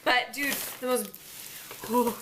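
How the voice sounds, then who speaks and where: A young woman vlogger in casual chat, excitable and quick to laugh, peppering her talk with "dude" and "like.". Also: fairly high pitch, background noise.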